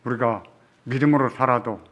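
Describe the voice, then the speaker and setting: A man preaching a Sunday sermon as pastor, emphatic, swinging from loud calls to soft, hushed pleas. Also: mid-range voice, moderate pace. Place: church sanctuary.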